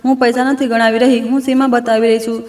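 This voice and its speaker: A woman voicing a pregnant young wife who speaks firmly and in a measured way. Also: a little high, flat delivery, darkish tone, lightly acted. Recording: echoey room.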